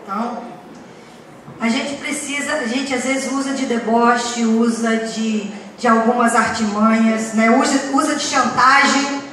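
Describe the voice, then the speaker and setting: A woman's voice: a little high, a little slow, fairly bright tone. A woman giving a talk to parents, speaking emphatically with rhetorical questions and humorous anecdotes. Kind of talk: lecture to parents. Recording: echoey hall, distant mic, faint noise.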